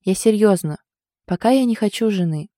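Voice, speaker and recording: A woman's voice: medium pitch, expressive, normal speed, dark tone, dry recording, studio quality, lightly acted. A woman voicing a sly joking ex-soldier man. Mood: teasing. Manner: mocking, playful.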